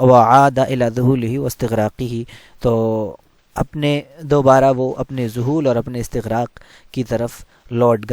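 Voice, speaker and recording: A man's voice: mid-range voice, a little mellow, no echo. A man teaching an Arabic text. He reads each line, then translates and explains it, with many hesitant fillers.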